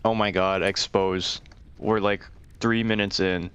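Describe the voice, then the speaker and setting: A man's voice: deep voice, steady tone, a little slow, a bit bright, smooth, no room sound, dull audio. A man playing a game with a friend, chatting casually in a laid-back, joking, complaining way. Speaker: co-player. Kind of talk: casual chat while gaming.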